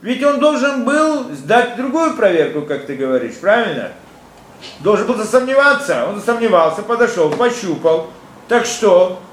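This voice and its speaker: A man's voice: sits high, expressive, normal speed. Man, Torah teacher, rhetorical questions, faint room hum behind. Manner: explains with rhetorical questions, quotes Hebrew verses. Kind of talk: Torah lesson with students. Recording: echoey room with faint ambience.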